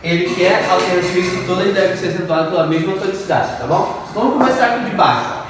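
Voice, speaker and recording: A man with a Brazilian Portuguese accent walks through grammar exercises in a teaching voice, pitched a little high. He sounds set back from the mic in a very echoey room. A faint hiss runs under the recording. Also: fast talker, recorded from a distance, crowd noise. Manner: explanatory, checks in with "ok?" often. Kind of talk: grammar lesson solving exam questions.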